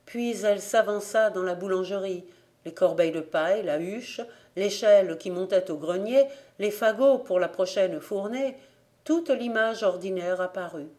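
Woman reading an audiobook, measured and steady. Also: mid-range voice. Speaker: volunteer audiobook reader. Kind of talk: audiobook narration of a classic novel.

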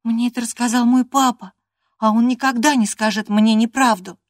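A woman's voice: fairly high pitch, fairly even intonation, normal speed, no echo, clean studio sound, pitched above the performer's own voice, natural voice. A woman reading an audiobook voices a spirited, stubborn teenage girl with a vehement, indignant manner. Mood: firm.

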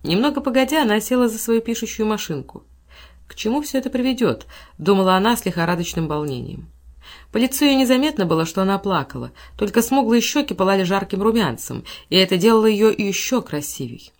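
A woman narrating a classic literary audiobook in a measured, expressive, often hushed way. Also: mid-range voice.

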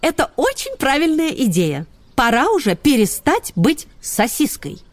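A woman's voice: fairly high pitch, huge pitch swings, a little slow, a little mellow. A woman voicing a sweet but condescending female greyhound who gushes patronizingly. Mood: gushing. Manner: gushing, patronizing.

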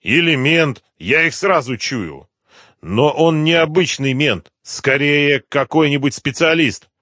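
A stubborn male performer holds out and pleads under threat, as a man plays him. His voice sits higher than the narrator's and moves lively in tone. The recording is dry and close. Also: slow, no echo, exaggerated voice. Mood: pleading. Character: stubborn, frightened middle-aged male performer.

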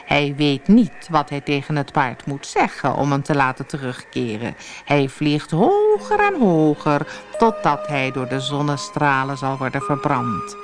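A woman voicing an ugly, spiteful male dwarf in a storybook reading, speaking slowly and slyly with a menacing edge. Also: sits low, animated, faint music behind, voice pushed down. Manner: slow, sly and menacing.

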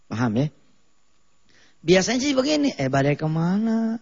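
A man preaching a lively, joking mosque sermon, playfully mimicking regional accents. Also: high voice, normal speed, vocal fry, breathy edge. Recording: dull muffled TV broadcast audio.

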